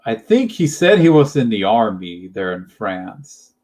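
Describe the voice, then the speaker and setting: A man's voice: fairly low pitch, big pitch swings, unhurried, a little mellow. A young man chatting casually as a channel host, rambling and hesitant, full of fillers and little laughs. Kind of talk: casual chat.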